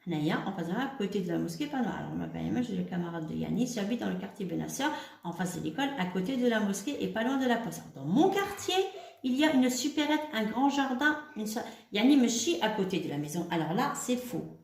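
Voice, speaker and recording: A woman with an Algerian accent teaching children, explaining step by step and dictating words slowly. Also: mid-range voice, animated, creaky, a little mellow, roomy sound. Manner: switches between French and Arabic, explains step by step; slow, deliberate dictation of words. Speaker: primary school teacher. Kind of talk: homework lesson for children.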